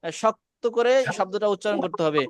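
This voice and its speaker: A man teaching Arabic letter pronunciation in an online class, patient and slow, repeating each letter for students to echo. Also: high voice, a crowd in the background. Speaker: Quran teacher. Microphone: video call.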